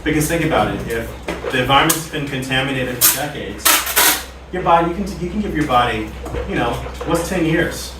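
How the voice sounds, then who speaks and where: A man leading a casual factory tour, talking in halting starts and repeating his words. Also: mid-range voice, loud music behind the voice. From United States. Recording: roomy, distant mic, loud background noise.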